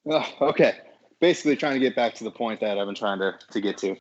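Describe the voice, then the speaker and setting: A man's voice: fairly low pitch, fast. A man talking casually as a podcast guest over a remote call, his earbud audio fading in and out. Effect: choppy call audio that fades in and out through wireless earbuds. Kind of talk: casual chat. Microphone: wireless earbuds on a remote call. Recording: muffled, dropping-out lo-fi call line.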